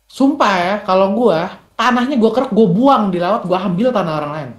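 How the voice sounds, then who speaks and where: A man's voice: sits high, animated, moderate pace, slight background noise. A young man co-hosting a reaction video, brash and swearing in nearly every sentence. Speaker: co-host. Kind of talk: casual reaction chat. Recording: roomy echo.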